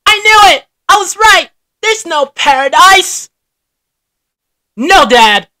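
A woman's voice: medium pitch, expressive, moderate pace, bright, forceful tone, dry recording. A woman voicing an anxious young male dinosaur in a cartoon, talking in a nervous, pleading way.

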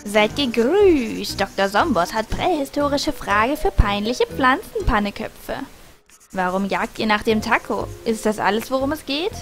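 A woman's voice: fairly high pitch, lively intonation, a little slow. A woman reading game dialogue as a taunting, gloating male zombie mad scientist, theatrical and mocking. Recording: game music behind the voice.

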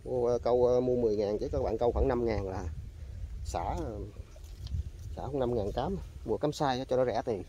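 A man chatting to viewers while fishing outdoors, often bursting into excited exclamations. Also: mid-range voice, normal speed, slight background noise. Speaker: fishing vlogger. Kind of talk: casual fishing vlog talk to viewers. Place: outdoors by water among trees.

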